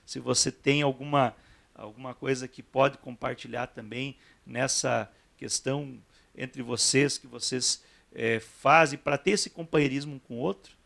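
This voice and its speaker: A man's voice: mid-range voice, steady tone, a little slow, gravelly, fairly bright tone. A man with a Brazilian Portuguese accent, a pastor hosting a church TV talk show, asking his guests questions in a conversational way. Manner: conversational, frequent "né" tags, guiding questions. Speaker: pastor and program host.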